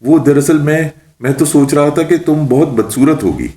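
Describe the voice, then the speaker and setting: A man voicing a timid, scrawny older male mullah who stammers in a high, nervous voice. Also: very animated, a little mellow, close to an everyday voice. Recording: roomy echo.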